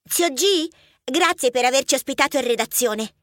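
A woman's voice: high voice, expressive, moderate pace, a bit bright, dry recording, clean studio sound. A woman voicing an eager, curious young boy mouse in an audiobook, talking with enthusiasm. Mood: excited.

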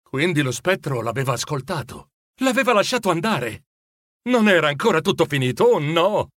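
A man narrating a children's storybook in an expressive, animated way. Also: on the high side, fairly quick, no echo, studio quality. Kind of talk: storybook reading.

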